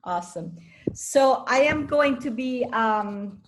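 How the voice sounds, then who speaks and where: A woman's voice: a little high, animated, takes it slowly, noisy background. A woman in her fifties from Venezuela, a coach giving a chatty, self-assured talk to a live audience. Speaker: speaker and coach.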